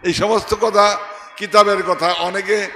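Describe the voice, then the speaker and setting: A man from Bangladesh, preaching an emphatic, sing-song religious sermon that shifts between shouting and murmuring. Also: high-pitched, fairly even intonation, measured pace, reverberant, big-room sound. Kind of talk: Bengali religious sermon, storytelling with quoted voices.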